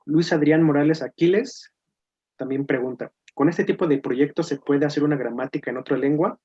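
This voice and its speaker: A man moderating a talk, reading audience questions aloud in a plain, measured way. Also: fairly high pitch, dark tone, husky. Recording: dull muffled online talk audio.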